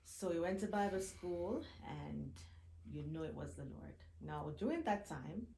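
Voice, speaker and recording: A woman's voice: fairly low pitch, animated, a little slow, creaky, mellow. A woman hosting a casual interview, recapping her guest's story and checking details with "right?". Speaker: interview host. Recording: echoey room with faint ambient noise.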